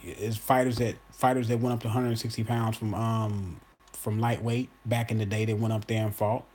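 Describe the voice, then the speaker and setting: A husky man in his early forties holds forth in a loose, unscripted monologue. He talks emphatically, circles back to repeat his points and speaks straight to the people watching. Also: fairly low pitch, flat delivery, normal speed, a little mellow. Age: 40s. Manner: emphatic, repeats himself, addresses viewers as y'all. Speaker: boxing commentator host. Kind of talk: casual opinion monologue.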